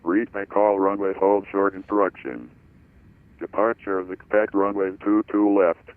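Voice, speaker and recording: A man reading an airport weather broadcast over an aircraft radio, in a flat, measured delivery of codes and numbers. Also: lowish voice, clear, resonant tone, no room sound. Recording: tinny radio transmission.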